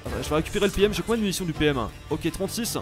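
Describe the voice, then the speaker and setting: A young French man giving casual, animated commentary while playing a video game, exclaiming at the action. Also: on the high side, racing, music in the background. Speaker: let's play host.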